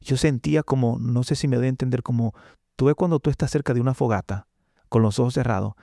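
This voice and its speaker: A man's voice: medium pitch, fast, gravelly, warm tone, no room sound, clean studio sound. A man giving an earnest personal testimony as a podcast guest, often hesitating with short filler sounds. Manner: earnest storytelling with frequent hesitations. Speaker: guest preacher. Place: podcast studio.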